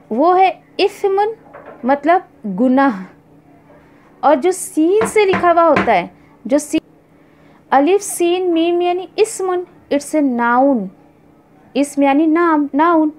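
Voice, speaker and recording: A woman gives a recitation lesson in a high, bright voice, speaking slowly and carefully. She repeats each word several times so learners can copy the sounds, and she mixes in English words as she explains. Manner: mixes English words into Urdu-Hindi speech. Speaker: Quran recitation teacher.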